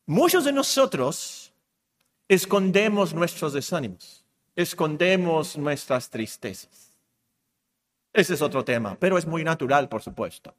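A man preaching a sermon, his pitch set high and leaping all over as he talks. He swings from loud emphatic lines to hushed asides. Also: sing-song, unhurried. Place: church.

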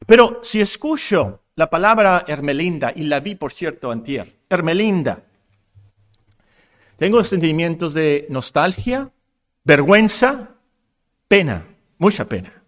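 A male pastor preaching a sermon to his congregation in an expressive way, weaving personal stories into his teaching. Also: a little high. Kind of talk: expository sermon. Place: church congregation.

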